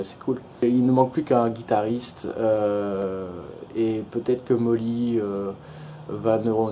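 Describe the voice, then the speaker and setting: A young man from France talks through a casual vlog while showing a house and its garden. He hesitates a lot and restarts his sentences, in a mellow, darkish voice at an ordinary pitch. A faint hiss sits under the recording. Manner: hesitant, many fillers and restarts. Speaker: travel vlogger. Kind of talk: casual vlog narration, giving a house tour.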